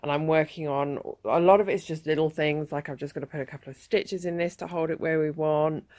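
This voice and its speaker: A woman's voice: sits low, steady tone, a little fast, a little mellow, no room sound. A woman in her thirties, a fashion designer, speaking openly and reflectively to the camera in a personal vlog. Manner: open, reflective talk to camera.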